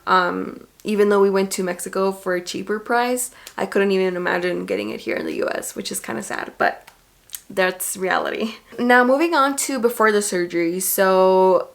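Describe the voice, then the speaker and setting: A young adult woman vlogger speaking in a casual, chatty storytelling way, informal and animated as she retells things to camera. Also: mid-range voice, moderate pace, vocal fry.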